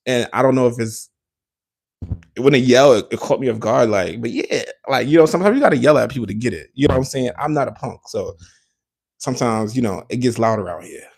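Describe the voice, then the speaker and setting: A man with a husky, gravelly voice hosts a casual solo podcast. He rambles, laughs off his own points and slips into quoted voices between slangy asides. His pitch sits in a middling range. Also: animated, brisk, darkish tone. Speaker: podcast host.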